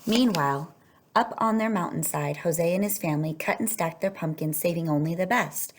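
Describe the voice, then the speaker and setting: This is a read-aloud of a children's story, delivered by a woman whose voice sits on the low side. She keeps a moderate pace, narrating expressively and stretching words for emphasis.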